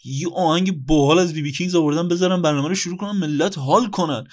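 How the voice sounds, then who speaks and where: A man hosting a casual comedy podcast, talking in excitable, exasperated banter. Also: a little high. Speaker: podcast host.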